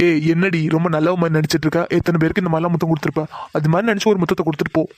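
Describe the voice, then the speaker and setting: A rapid-fire, sneering young college bully, voiced by a man in a cartoon drama, with a slightly high voice. He taunts and coaxes, then turns whiny and begs when cornered. The sound is dry and close. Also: steady tone, dry recording, lightly acted. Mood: taunting.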